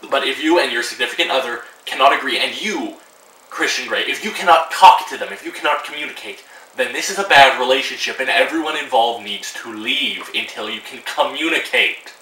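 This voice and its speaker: A man's voice: mid-range voice, lively intonation, fairly quick, bright, forceful tone, reverberant, recorded from a distance, rough recording. A teenage boy ranting to camera about a film, sarcastic and exasperated, swearing freely. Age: teens. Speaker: vlogger. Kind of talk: casual rant to camera. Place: room at home.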